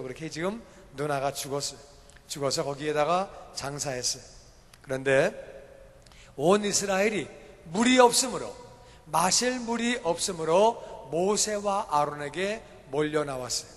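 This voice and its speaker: High-voiced preacher in a reverberant church. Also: male voice. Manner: storytelling preacher, repeats phrases, rhetorical questions. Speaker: pastor. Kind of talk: sermon. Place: church sanctuary. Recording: church hall with long reverb.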